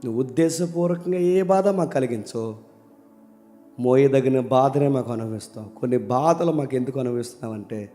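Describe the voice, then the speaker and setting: A man preaching a sermon, talking casually and then rising into loud, emphatic questions. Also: mid-range voice, brisk. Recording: long hall reverb with faint music.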